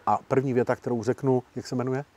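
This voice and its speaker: A man with a husky, slightly rough voice at an ordinary middle pitch explains negotiation techniques as an interview guest. He talks emphatically and keeps things lively, often breaking into short acted-out example lines. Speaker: professional negotiator, guest speaker.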